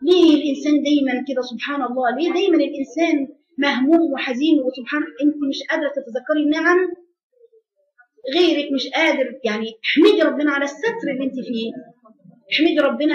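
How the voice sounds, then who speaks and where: Woman preacher, Egyptian accent, fast talking, highish voice, distant dull recording. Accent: Egyptian Arabic. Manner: fervent, rhetorical questions, repeating phrases. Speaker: religious preacher. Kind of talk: Egyptian Arabic religious lesson. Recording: echoey, distant, dull lo-fi sound.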